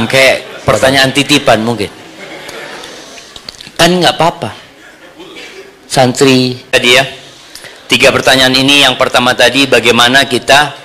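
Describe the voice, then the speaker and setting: A middle-aged man giving an Islamic sermon in a lively manner, throwing questions to the congregation. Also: medium pitch. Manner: lively, asks the audience questions. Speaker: preacher.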